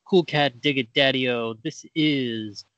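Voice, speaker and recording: A man's voice: mid-range voice, takes it slowly, highs cut off, noisy background, natural voice. A man playing a brash comic co-host on an improvised talk show, with mock-showbiz patter and emphatic delivery. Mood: showy.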